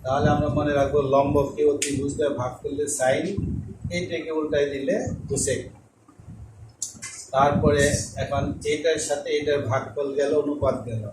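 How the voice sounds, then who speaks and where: A male math teacher giving a slow classroom lesson, repeating and spelling out each term. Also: on the high side, little pitch movement. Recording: echoey room, mic far off, noisy.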